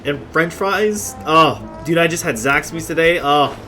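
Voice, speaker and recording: A woman's voice: sits low, unhurried. A woman streaming a game, giving casual, slangy, sweary and blunt reaction commentary. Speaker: gaming streamer. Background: loud game music.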